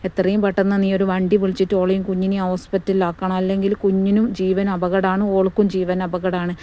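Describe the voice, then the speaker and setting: A woman's voice: medium pitch, completely flat delivery, fast, warm tone, dull audio, lightly acted. A woman playing a kindly village midwife who speaks in a soothing, motherly way. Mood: urgent. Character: kindly village midwife, reassuring then urgent.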